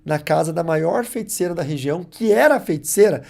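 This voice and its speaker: A man preaching on a live show, telling a testimony in an animated, emphatic way and acting out the dialogue. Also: a little high, brisk, gravelly. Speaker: preacher on deliverance ministry.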